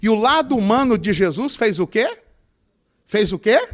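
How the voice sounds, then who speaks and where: A male pastor with a Mato Grosso Brazilian Portuguese accent preaching a sermon, questioning the congregation and acting out voices of people in tearful, high tones. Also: big pitch swings, normal speed.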